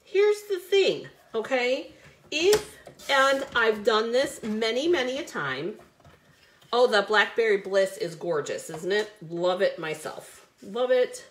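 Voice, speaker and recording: A woman's voice: fairly high pitch, lively intonation, takes it slowly, a little hiss or hum. A woman hosting a live card-making stream, chatty and bubbly, greeting viewers by name as she works. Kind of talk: live crafting stream chat.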